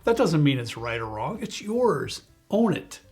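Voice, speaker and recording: A middle-aged man hosting a casual bourbon chat, telling his stories with emphatic, drawn-out phrases. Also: a little high, sing-song, a little mellow, faint music behind. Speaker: bourbon show host.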